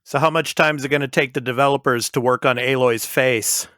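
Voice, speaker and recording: A man in his fifties hosting a gaming podcast, laid-back and quick to laugh. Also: medium pitch, steady tone, bright, forceful tone, no room sound, studio quality. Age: 50s. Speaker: podcast host. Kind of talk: casual chat.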